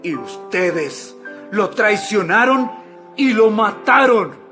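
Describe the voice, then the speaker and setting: Impassioned high-voiced preacher Stephen. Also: male voice, expressive, takes it slowly, pushed and bright, exaggerated voice. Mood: indignant, accusing. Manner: oratorical, emphatic, declamatory. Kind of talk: dramatized audio Bible acting. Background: background music.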